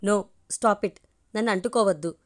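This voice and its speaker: A woman's voice: mid-range voice, measured pace, close to an everyday voice. A woman voicing a young orphan woman in a storybook reading, urgent and upset. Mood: distressed. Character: young orphan woman, shy then distressed.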